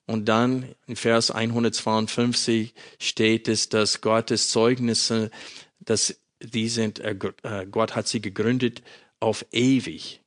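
A man preaching a sermon, reading scripture and explaining it in a slow, measured way with emphatic pauses. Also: lowish voice, flat delivery.

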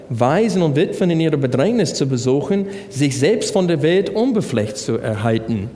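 A man's voice: fairly high pitch, darkish tone. A man preaching a sermon, working through Bible verses and asking the congregation rhetorical questions. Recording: long hall reverb.

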